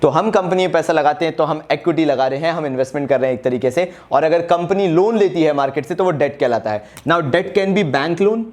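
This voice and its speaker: A man with a somewhat high voice runs a brisk exam-revision lesson. He talks directly to his students, hurries them to write things down, and slips English terms into his casual explanations. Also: a little mellow. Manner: mixes English terms into casual speech, calls students brother. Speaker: commerce teacher. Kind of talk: fast exam-revision lecture.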